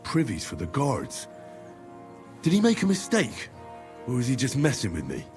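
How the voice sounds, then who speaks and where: A man's voice: medium pitch, huge pitch swings, moderate pace, faint music behind. An actor playing a blunt, wry young male hero in a video game, dry and skeptical. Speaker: game protagonist.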